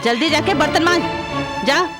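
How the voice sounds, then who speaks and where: A cruel middle-aged stepmother, played by a dubbing actress, snaps out scolding orders. Her voice sits high and sharp, and film music plays loudly under her. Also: moderate pace, natural voice.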